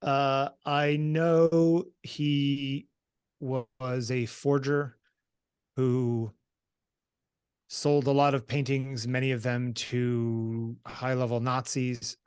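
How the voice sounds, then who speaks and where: A man's voice: medium pitch, drawn-out words, smooth, dry recording. A man speaks as a guest in an easy conversation, matter-of-fact and ready to question what he hears. His voice sits in a middle register, and the recording is dry and close. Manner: relaxed, matter-of-fact, pushes back. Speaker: guest photographer. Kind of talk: conversational discussion.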